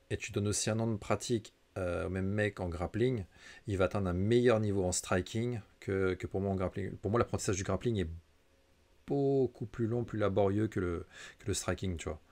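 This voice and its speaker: Male co-host, slightly low voice, relaxed conversational delivery for a casual question-and-answer livestream. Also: moderate pace. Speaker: co-host reading out viewer questions.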